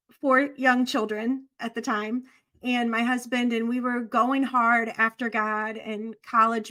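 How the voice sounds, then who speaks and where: A woman's voice: on the high side, sharp tone. A woman podcast host in casual conversation, telling a story in an earnest, heartfelt way.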